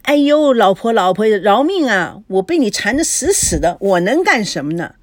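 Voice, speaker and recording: A sly, skirt-chasing husband who wriggles out of every question with a wheedling, lively sing-song, as a woman reading the story plays him. Close, dry sound. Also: mid-range voice, fairly quick, dry recording. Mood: pleading. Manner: wheedling, evasive. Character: flirtatious sly middle-aged husband.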